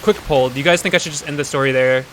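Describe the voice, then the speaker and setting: A man's voice: medium pitch, fast, fairly bright tone, slight background noise. A man improvising a goofy story while streaming a game, rambling with lots of restarts and fillers.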